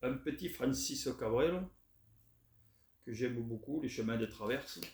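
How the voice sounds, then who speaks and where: A man chatting casually as he shows off his record finds, relaxed and hesitant with many fillers. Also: mid-range voice, measured pace. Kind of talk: casual unboxing chat. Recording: roomy echo, faint noise.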